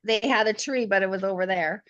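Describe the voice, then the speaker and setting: A woman's voice: medium pitch, brisk, a bit bright, dry recording. A woman chatting and telling stories casually as part of a group. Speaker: group participant. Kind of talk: casual storytelling chat. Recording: dull, lo-fi call audio.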